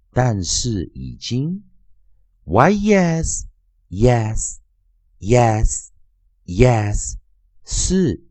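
A man teaching English phonics and drilling each sound slowly over and over. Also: mid-range voice, mellow, slightly rough, no room sound. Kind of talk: phonics lesson.

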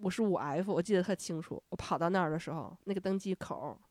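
一位女主播在闲聊中讲旅行经历，讲得绘声绘色，常常笑，还会模仿对话。. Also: female voice, on the low side, fast talker, no echo. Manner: animated, laughs often, acts out dialogue. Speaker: podcast host. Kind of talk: casual chat, storytelling.

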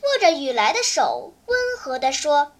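A storyteller reading a children's story aloud, with expressive, animated delivery. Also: high-pitched, normal speed. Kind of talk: scripted children's story narration.

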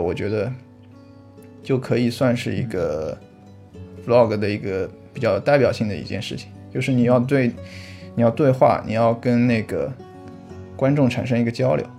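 A man with a medium-pitched, slightly mellow voice and some vocal fry appears as a guest on a podcast. A vlog creator, he explains his topic in an easygoing way, thinking aloud with restarts and easy laughs in casual chat.

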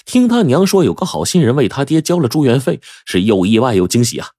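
A man narrating a story in a lively, animated way. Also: mid-range voice, fast talker, no room sound, clean studio sound.

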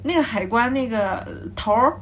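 Young female podcast guest, fairly high voice, animated anecdote delivery with frequent laughter. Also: normal speed, slight background noise. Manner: lively, laughing, mimics others' speech. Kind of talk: casual storytelling.

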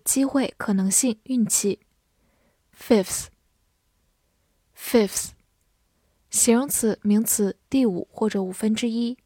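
A young woman teaching vocabulary in a recorded lesson, saying each English word twice clearly, then giving brisk explanations. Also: medium pitch, dark tone, no echo, studio quality.

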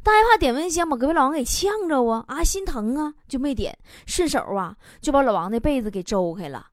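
A woman's voice: sits high, animated, fast talker, no room sound, studio quality. A woman with a Northeastern Chinese accent hosting a comic monologue, chatty and laughing at her own jokes. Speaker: comedy show host. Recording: loud background noise.

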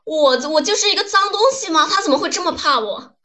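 Woman doing a tough tomboy girl ranting, blunt and loud-mouthed, high voice. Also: lively intonation, quick pace, heavy background noise. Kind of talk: comedy skit acting.

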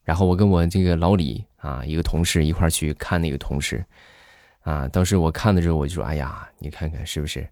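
A man telling comic anecdotes in a lively monologue, acting out the people in his stories. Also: low-pitched, quick pace, no echo, clean studio sound. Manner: animated, acts out characters in his anecdotes. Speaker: comedy storyteller.

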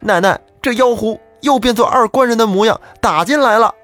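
A man voicing a crowd of rough household servants who shout and jeer. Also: very high-pitched, normal speed, dry recording, soft background music, voice pushed up. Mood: frantic. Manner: shouting, coarse.

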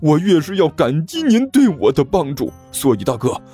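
A man doing a shrill whiny pleading sidekick. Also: wildly swooping pitch, soft background music. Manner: high, fast, wheedling and begging. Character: whiny pleading younger sworn brother, beaten.

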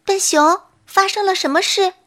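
A woman voicing a kind, calm young deer who comforts a friend in a bedtime story. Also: very high voice, moderate pace, voice pushed up. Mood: caring. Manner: gentle and soothing.

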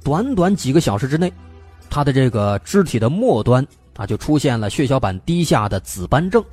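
A man with a slightly husky, breathy voice tells a spooky true-mystery story in a loose, conversational way, dropping filler particles as he builds suspense. His pitch rises and falls a lot, and soft music plays underneath. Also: very animated, a little fast, no echo. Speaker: storyteller host. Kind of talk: casual spoken storytelling of an unsolved mystery.

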